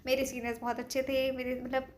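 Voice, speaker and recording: Fast high-voiced young woman telling a story. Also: slight background noise. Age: young adult. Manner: animated, quotes others in lively acted voices. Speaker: medical student. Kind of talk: casual storytelling vlog.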